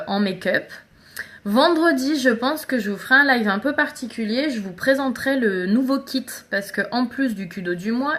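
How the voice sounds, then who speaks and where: Her voice is slightly high, bright and forceful as this makeup seller runs a live tutorial stream. She keeps things chatty, speaking directly to viewers and saying hello to people in the comments.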